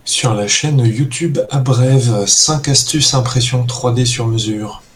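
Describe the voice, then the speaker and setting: A man's voice: mid-range voice, slow. A man co-presenting a radio show and reading short announcements. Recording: faint background noise.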